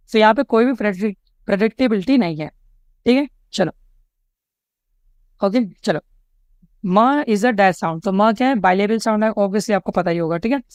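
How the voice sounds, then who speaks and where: A man with an Indian English accent teaching an exam-prep lesson. He reads each English question slowly, then explains it, often checking in with the students. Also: high voice, clean tone, no room sound. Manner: explanatory, keeps checking in with "ठीक है?".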